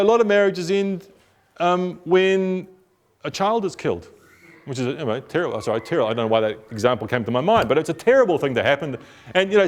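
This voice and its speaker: A middle-aged couples therapist with a New Zealand accent speaks informally to a workshop group. His voice sits slightly higher than most men's. He talks in a relaxed, rambling way, restarting phrases and often checking in with the room. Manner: conversational, lots of fillers and restarts, checks in with listeners.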